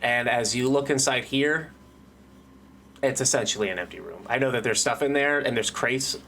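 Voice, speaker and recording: An easygoing man runs a tabletop game over a voice call, narrating in a halting, relaxed way. His voice sits at an ordinary middle pitch. He comes through a computer microphone. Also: slight background noise. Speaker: game master. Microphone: computer mic on a call.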